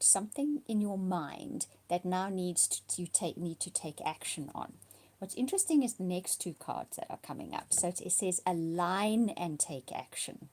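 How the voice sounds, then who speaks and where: Fighting a cold that has partly taken her voice, a woman gives a weekly tarot card reading, speaking softly and sometimes dropping into whispers. Her pitch is medium.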